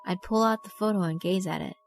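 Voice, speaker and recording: This is scripted first-person visual novel narration, voiced by a woman who speaks quickly in a mid-range voice with vocal fry. Behind her runs music made with mallets and glockenspiel.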